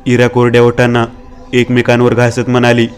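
A man narrating a horror story in a steady, even-toned scripted reading. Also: mid-range voice, normal speed.

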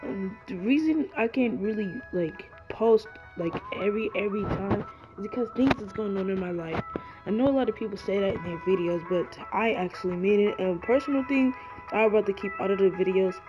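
Shivering gamer guy rambling on with lots of ums, muffled lo-fi sound, loud music behind. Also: high-pitched, brisk. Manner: rambling and earnest, full of ums and likes. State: cold and shivering. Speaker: gaming YouTuber. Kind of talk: casual gameplay commentary. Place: cold home garage. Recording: dull lo-fi audio with loud music.

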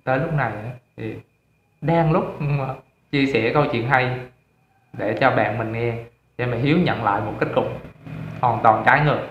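A man's voice: mid-range voice, moderate pace, pauses often, echoey room, highs cut off, slight background noise. A man telling a story in a casual, hesitant way with many fillers.

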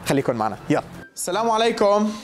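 Rapid-fire man, teasing and playful. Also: sits high, very animated, loud music behind the voice. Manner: teasing, affectionate, joking with kids. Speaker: street interview host. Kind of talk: playful street interview with children. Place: orphan care center.

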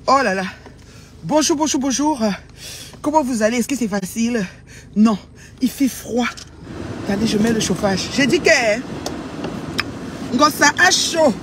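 A woman with a Cameroonian French accent ranting to her viewers from inside a car, teasing and taunting in a repetitive sing-song way. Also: fairly high pitch. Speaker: social media personality. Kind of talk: casual vlog rant to viewers. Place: inside a car outdoors in cold weather. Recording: noisy car and street background.

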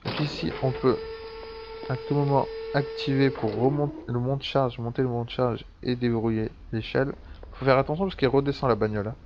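A man's voice: medium pitch, fairly even intonation, brisk, a little hiss or hum. A man giving casual gameplay commentary, chatting and swearing as he thinks aloud. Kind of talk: casual let's-play commentary. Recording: dull lo-fi sound with faint background ambience.

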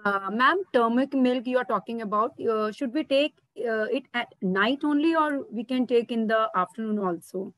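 A woman's voice: a little high, normal speed, hardly any pauses, a bit bright. A woman with an Indian accent politely asking questions as a participant on a video call. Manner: polite, deferential.

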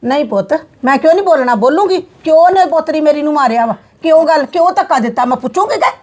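Gentle middle-aged grandma played by a woman, placating and affectionate, high voice. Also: animated, fast. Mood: soothing. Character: soft-hearted middle-aged grandmother, mother-in-law. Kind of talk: scripted family drama.

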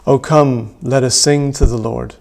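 Solemn man reading liturgy, gravelly edge. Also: mid-range voice, fairly even intonation, darkish tone. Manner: measured, solemn reading aloud. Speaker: priest leading worship. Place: small church room by a window.

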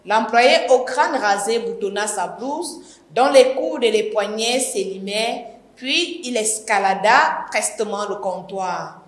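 A woman's voice: mid-range voice, lively intonation, slow. A woman teacher with a Cameroonian French accent, carefully reading a novel aloud for a lesson. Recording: echoey room.

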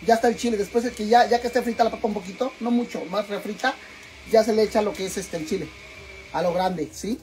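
A man's voice: high-pitched, fairly even intonation, quick pace, a little mellow, slight background noise. Dramatic, chatty Mexican man cooking. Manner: dramatic, chatty, swears freely, keeps addressing viewers as sisters. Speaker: vlogger. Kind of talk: casual cooking vlog.

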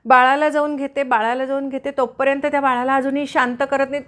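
A woman with a high-pitched, fairly bright voice gives family advice in a casual story, delivering it flatly and a little fast. She retells the scene and occasionally slips briefly into the voices of its characters.

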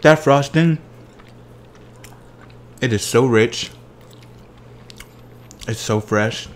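Excited man tasting desserts on camera. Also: mid-range voice, very slow, slight background noise. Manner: exuberant, chatty, savoring each bite. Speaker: food vlogger. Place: living room at home.

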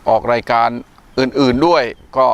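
A Buddhist monk from northeastern Thailand hosts a casual religious talk program, chatting easily and filling his pauses with "er." His voice sits at an ordinary pitch and sounds smooth and resonant. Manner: chatty storyteller, many "er" fillers. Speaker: Buddhist monk hosting the show.

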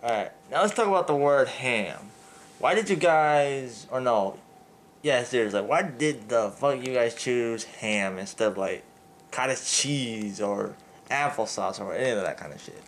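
A man's voice: medium pitch, animated, normal speed, slight background noise. A man asking offhand, profane mock interview questions.

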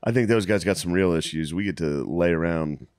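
A man in his thirties co-hosting a podcast, riffing with a drawling, deadpan manner in casual comedic banter. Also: deep voice, fairly quick, dry recording, clean studio sound. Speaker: podcast co-host.

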